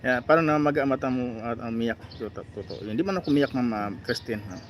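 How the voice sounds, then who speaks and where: A man's voice: mid-range voice, quick pace, slight background noise. A man with a Filipino accent hosting a casual live stream, reading viewer names and comments aloud with many fillers. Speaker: vlogger reading live chat.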